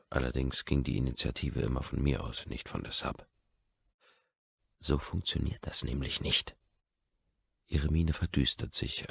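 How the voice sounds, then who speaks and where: A man's voice: a bass voice, vocal fry, slightly rough, no echo. A man narrating a first-person audiobook in a brooding, intense inner-monologue manner, in a dull lo-fi recording.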